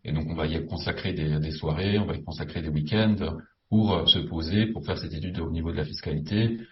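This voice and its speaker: A man interviewed as a property investor, explaining his choices in a measured, reflective way. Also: deep voice. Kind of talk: interview conversation. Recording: distant, dull, faint hiss.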